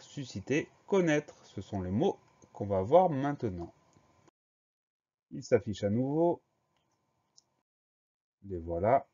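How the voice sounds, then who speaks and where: A male teacher giving a spelling lesson for primary pupils, spelling words out slowly letter by letter. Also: lowish voice, dark tone. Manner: slow, careful letter-by-letter spelling. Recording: slightly dull lo-fi recording.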